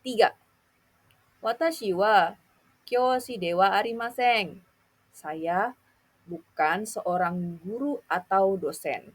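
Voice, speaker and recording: A woman's voice: mid-range voice, fairly bright tone. A woman explaining grammar in a careful scripted lesson, reading out example sentences with translations. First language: Indonesian. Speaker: Japanese language teacher.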